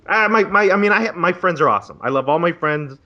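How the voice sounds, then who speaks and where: A man's voice: high-pitched, expressive, fast talker, pushed and bright, dull audio. A man in his twenties, a graduate student, on a casual podcast, ranting profanely and with exasperation about bureaucracy. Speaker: podcast co-host.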